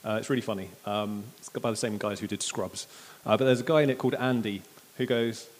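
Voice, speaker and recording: A man preaching a sermon in a casual, chatty way, with jokes and animated asides. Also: on the low side, brisk, long reverb tail.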